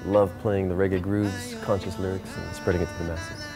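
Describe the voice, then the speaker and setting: Deep-voiced laid-back man over music. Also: flat delivery, brisk. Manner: laid-back, often adds "you know". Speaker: reggae musician being interviewed. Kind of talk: reflective interview monologue. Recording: clear music playing behind the voice.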